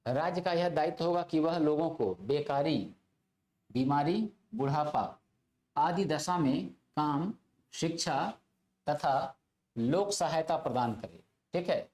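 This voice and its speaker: A man's voice: a little high, expressive, a little slow, a little mellow. A male teacher giving a classroom lecture to exam students, repeating key phrases and checking in with his listeners again and again. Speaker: polity teacher.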